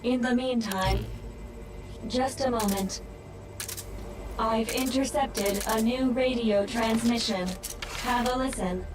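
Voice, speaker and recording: A woman playing a brisk, composed mission-support officer giving instructions in a video game. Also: fairly high pitch, recorded from a distance, very noisy. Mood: businesslike.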